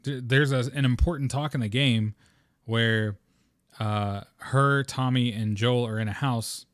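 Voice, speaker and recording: A man's voice: mid-range voice, fairly even intonation, measured pace, no room sound, clean studio sound. A man hosting a podcast, talking casually and passionately in a rambling way. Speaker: podcast host.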